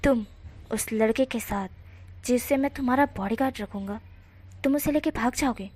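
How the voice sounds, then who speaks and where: A woman voicing a protective, possessive older man in a read-aloud story, speaking softly but firmly. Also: high voice, moderate pace, lightly acted. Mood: angry. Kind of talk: storybook reading.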